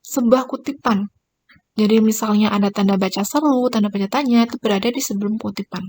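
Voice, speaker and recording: A woman teacher giving a recorded grammar lesson, explaining each point and pointing at examples on screen. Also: medium pitch. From Indonesia.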